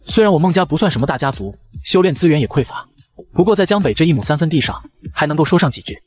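A man's voice: fairly high pitch, lively intonation, quick pace, a little mellow, natural voice. A man narrating a comic story, voicing a frail elderly clan patriarch who speaks solemnly and formally. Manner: solemn, courteous.

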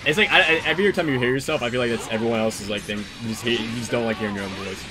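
A man talks fast and loosely over a gaming stream, cursing casually as he runs the tournament. His voice sits at an ordinary middle pitch. Game music plays clearly behind him. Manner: loose, rambling, swears freely. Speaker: tournament organizer and stream commentator.

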